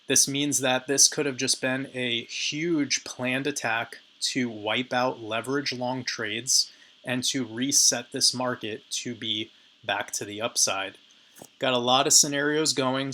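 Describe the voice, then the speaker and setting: Male crypto commentator, hoarse and raspy, sharp bright tone, casual chart walkthrough. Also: medium pitch. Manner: casual, addresses viewers as you guys. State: hoarse, raspy voice from talking a lot.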